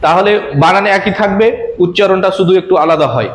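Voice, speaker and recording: A man whose first language is Bengali, teaching a spoken English lesson to children. He says short English sentences slowly and then translates each one. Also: sits high. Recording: echoey room.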